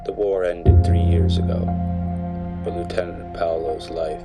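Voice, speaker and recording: A man's voice: low voice, flat delivery, a little slow, loud music behind the voice. A man playing a war veteran, narrating his memories solemnly and gratefully as scripted film voice-over.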